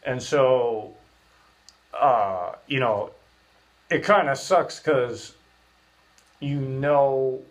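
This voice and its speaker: A man's voice: medium pitch, extremely slow, pauses often. A man in his thirties hosting a casual podcast, speaking through clenched teeth with his jaw wired shut, rambling and slangy. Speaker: podcast host. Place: small bare room, indoors.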